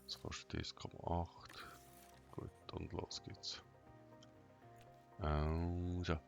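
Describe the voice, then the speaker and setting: A man with a very low, gravelly voice drones on in a flat, emotionless monotone, muttering to himself as he works through game menus. He speaks slowly. The recording is dull and lo-fi, with faint game music underneath. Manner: mumbling to himself while clicking through menus. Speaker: gamer. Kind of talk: let's play commentary.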